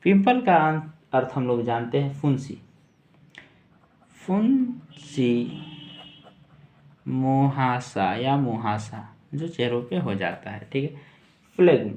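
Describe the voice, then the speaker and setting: Male teacher, slow and deliberate, spells out words letter by letter, repeats each word. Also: medium pitch, creaky, a little mellow. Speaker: English teacher. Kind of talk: spoken-word lesson.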